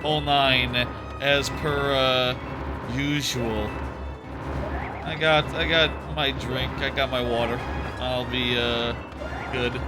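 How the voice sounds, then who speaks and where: This man speaks slowly in a medium pitch with a steady tone, leaving long pauses as he rambles through casual commentary on the game he's streaming. He uses lots of fillers and sounds slightly sniffly with a sore throat, over game music.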